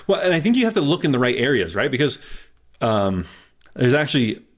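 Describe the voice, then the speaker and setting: A man's voice: mid-range voice, big pitch swings, fairly quick. A man who is an interview guest, explaining confidently and posing rhetorical questions as he talks. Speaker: guest, history enthusiast.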